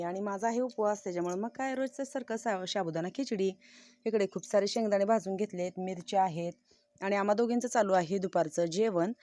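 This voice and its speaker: A woman's voice: lowish voice, a little mellow. A woman vlogging casually outdoors on a farm, chatting homely and directly to her viewers. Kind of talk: casual farm vlog narration.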